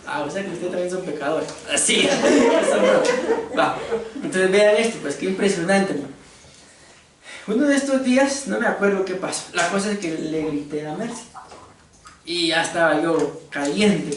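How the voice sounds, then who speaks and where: A man's voice: high-pitched, lively intonation, normal speed, slight background noise. A man with a Costa Rican accent preaching a conversational sermon, joking and asking his congregation rhetorical questions. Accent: Costa Rican Spanish. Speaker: pastor. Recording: very echoey room, voice from far off.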